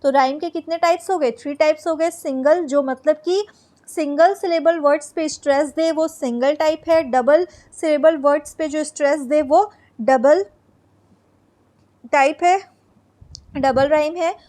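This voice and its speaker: A woman teaching an exam-prep lesson, explaining in Hindi, reading English definitions aloud slowly, and asking and answering her own questions. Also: high-pitched, dark tone.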